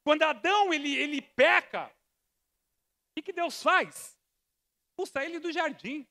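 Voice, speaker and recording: A man with a very high, bouncy voice, preaching at a church service. He keeps it casual and joking, drops in street slang, and mixes funny personal stories into the sermon. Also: expressive, measured pace, bright, forceful tone. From São Paulo, Brazil. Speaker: pastor.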